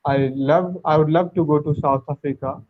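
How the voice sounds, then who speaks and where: On a casual video call, a man practices his English, searching for words with many fillers and restarts. His voice is a little high and steady in tone at a moderate pace, and the line sounds tinny, like a phone.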